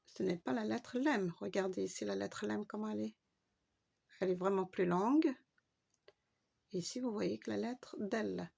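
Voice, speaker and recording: A woman's voice: mid-range voice, normal speed, creaky, pauses often, a little mellow, husky. A woman giving a patient, step-by-step Arabic reading lesson, spelling out letters and stretching long vowels. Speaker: Arabic teacher.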